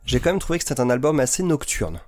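A man co-hosting a music show gives his views slowly and carefully. He often pauses and fills gaps while he searches for the right word, and his voice sits at a middle pitch. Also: very animated. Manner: thoughtful, searching for words with many fillers. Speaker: co-host. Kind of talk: casual chat on a music show.

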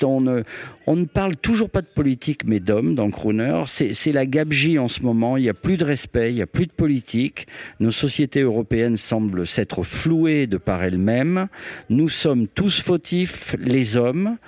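A man's voice: mid-range voice, darkish tone, no echo. A man interviewing a guest for a radio show in a restaurant, asking playful, theatrical questions.

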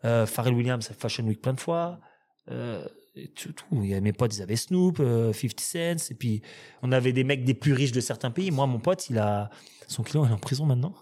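A French man telling long stories in a relaxed conversation. He talks fast and rambles, restarting his sentences as he goes. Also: medium pitch. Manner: rambling, animated storyteller with many restarts. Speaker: restaurant owner and guest. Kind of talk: casual storytelling chat.

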